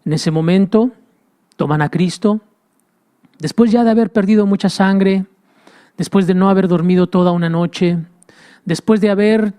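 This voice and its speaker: A man's voice: high-pitched, darkish tone, clean tone. A man preaching a sermon with passion, repeating phrases and speaking straight to the listener. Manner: impassioned, repetitive, addresses listener directly.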